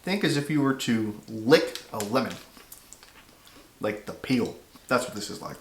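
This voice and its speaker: A man as a guest in a casual snack taste test, dry and teasing in a deadpan way. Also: mid-range voice, unhurried, roomy sound, slight background noise, rough recording.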